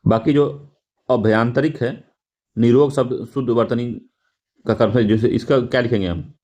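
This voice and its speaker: Explaining test answers, a male teacher goes over practice exam questions, often using fillers, repeating himself, and correcting his words. He speaks at normal speed with a steady, dark, mid-range voice.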